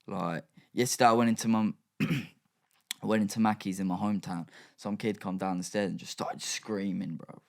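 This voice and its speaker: A young man talks loosely on a podcast, his voice sitting very low with a gravelly edge. He rambles through slang and fillers in an easygoing way. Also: fairly even intonation, normal speed. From England. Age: young adult. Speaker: podcast guest. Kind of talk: casual chat.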